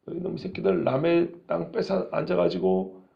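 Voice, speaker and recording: A man's voice: a little high, steady tone, normal speed, vocal fry, highs cut off. A male pastor voicing a scornful old country villager who taunts in coarse rural old-folks speech.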